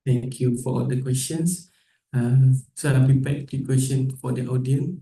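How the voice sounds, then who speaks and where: A man's voice: mid-range voice, fairly even intonation, a little slow, vocal fry, warm tone. A man with a Malaysian accent presents and quizzes an audience informally, casually switching between English and Malay with local slang particles. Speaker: presenter giving a medical talk. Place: meeting room. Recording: echoey room, picked up from a distance.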